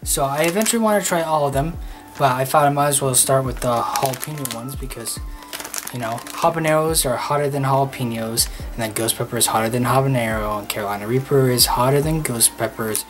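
A man in his twenties talks casually to camera like a snack review vlogger. He is recorded at desk distance in a small indoor room. Music plays clearly behind him. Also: mid-range voice, fairly quick. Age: 20s.

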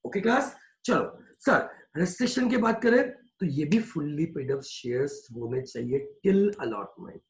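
A male teacher giving a lecture in Hindi mixed with English, slowing down to dictate points and often asking whether it is clear. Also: a little high, big pitch swings, roomy sound. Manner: slows down to dictate points word by word. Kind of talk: classroom lecture.

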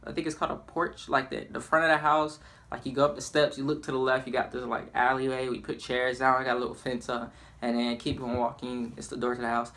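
A young man with a medium-pitched voice talks fast, rambling through casual stories over gameplay as a gaming YouTuber. He's informal and excitedly acts out quotes along the way.

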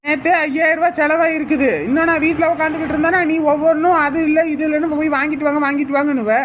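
A brusque, stingy village husband, as a woman plays him, snapping his words out quickly in a fairly high voice. He scolds rather than talks. Faint noise sits behind him. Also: flat delivery, lightly acted. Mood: scolding.

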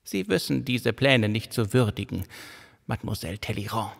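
A man voicing a grieving, half-mad old father in an audiobook, with a soft, androgynous voice and a dangerous edge of madness underneath. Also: on the low side, lively intonation, moderate pace, creaky, in a large hall, exaggerated voice. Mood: menacing.

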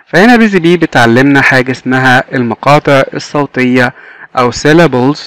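A man with an Egyptian Arabic accent teaching an English lesson to young children, drawing out each English word slowly and clearly. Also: medium pitch, fairly bright tone, no echo. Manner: slow, drawn-out English words.

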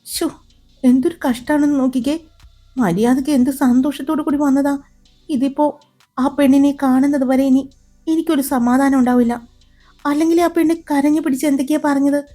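A woman's voice: sits high, fairly even intonation, a little fast, long pauses, warm tone, faint music behind, pitched above the performer's own voice, natural voice. Woman doing a fretful motherly woman. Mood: worried. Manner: fretful, questioning. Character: fussing motherly older woman, worried.

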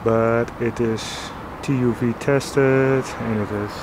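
Halting man explaining gear outdoors. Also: mid-range voice, fairly even intonation, background noise. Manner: halting, many uh fillers and restarts. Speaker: sailing vlogger. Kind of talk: casual explanation.

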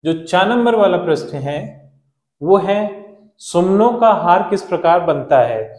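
A male teacher patiently explaining a lesson to children, repeating key words and spelling them out slowly. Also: high-pitched, expressive, a little mellow, roomy sound.

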